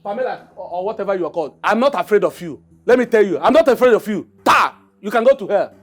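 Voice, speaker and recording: Guy playing hot-headed nigerian young man, highish voice, defiant and brash, movie drama w faint music. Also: lively intonation, moderate pace, darkish tone, natural voice. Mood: angry, defiant. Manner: brash, confrontational. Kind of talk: film drama acting.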